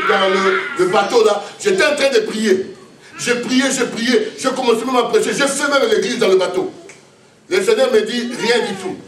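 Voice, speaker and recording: A man, a pastor giving an emotional testimony sermon, telling his story with many repeated phrases. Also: high-pitched. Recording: echoey room, voice from far off.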